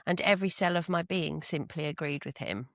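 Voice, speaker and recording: A woman voicing a posh woman in her sixties, reading a listener's letter in a measured way. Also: sits low, vocal fry, dry recording, clean studio sound, voice pushed down. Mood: reflective.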